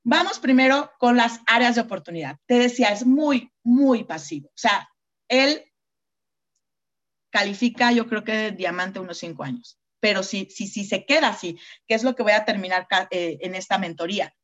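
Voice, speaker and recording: A woman with a Mexican accent giving a mentoring talk, expressive and repeating words for emphasis. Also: medium pitch, moderate pace, muffled recording.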